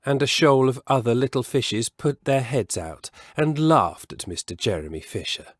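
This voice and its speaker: A man reads a children's story from a script, expressive and measured, savouring the descriptive words. His voice is medium-pitched, and the recording is dry.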